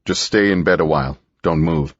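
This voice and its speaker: A man voicing a calm, injured middle-aged male scientist who speaks in a low, measured murmur. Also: slightly rough, no echo, lo-fi sound.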